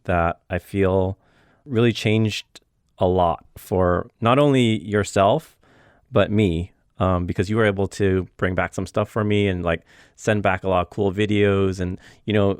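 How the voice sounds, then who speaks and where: A man hosting a podcast, relaxed, laughing along and prompting his guest in casual chat. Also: low voice, measured pace, clean tone, no room sound, clean studio sound. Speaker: podcast host.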